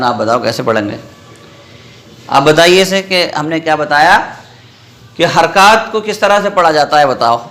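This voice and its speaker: A man's voice: on the high side, fairly bright tone. A man teaching a Quran reading lesson in a classroom. He drills syllables one by one and keeps checking that his students follow. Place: madrasa classroom with students present. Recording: roomy echoey classroom.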